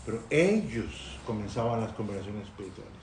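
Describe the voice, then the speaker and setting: A man's voice: lowish voice, big pitch swings, a little mellow, a little hiss or hum. Man, thoughtful church talk. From Costa Rica. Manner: thoughtful, pauses and restarts. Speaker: missionary sharing in a Bible study. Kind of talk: reflective group discussion. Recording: roomy recording.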